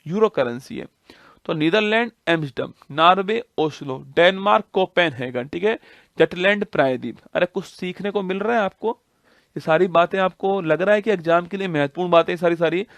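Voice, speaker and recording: A man's voice: high-pitched, a bit bright, dry recording. A man teaching an online exam-prep geography class, asking questions and answering them himself, repeating key facts over and over. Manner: repetitive drilling, asks and answers own questions.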